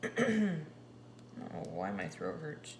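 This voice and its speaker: In an echoey home kitchen with clear background noise, a keto vlogger in her forties talks to camera in a deep, slow voice that is slightly scratchy. She's chatty and excitable, handling a meter while the camera looks down at the countertop.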